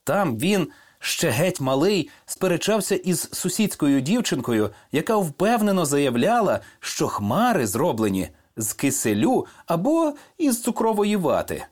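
A man's voice: fairly high pitch, measured pace. A man narrating a story in audiobook style, telling it expressively. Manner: expressive storytelling, acts out characters.

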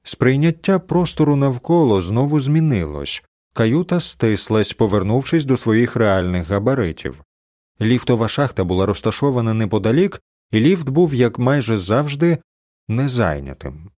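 Brief: male narrator, animated lilting delivery, mid pitch, dry close mic. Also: normal speed, no echo. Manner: expressive storytelling. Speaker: audiobook narrator. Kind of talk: scripted narration.

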